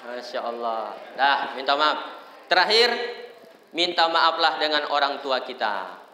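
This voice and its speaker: Male preacher, storytelling humor, bright voice, echoey hall. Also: medium pitch, animated, a little slow, slight background noise. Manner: storytelling, joking, shifting voices. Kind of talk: humorous sermon. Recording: echoey hall with faint ambience.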